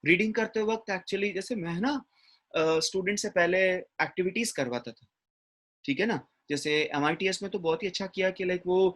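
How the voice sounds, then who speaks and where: An English teacher lectures his class in a high voice at a moderate pace, with a fairly bright tone. He mixes English words into his explanations and keeps checking in with listeners, often asking "ठीक है ना?"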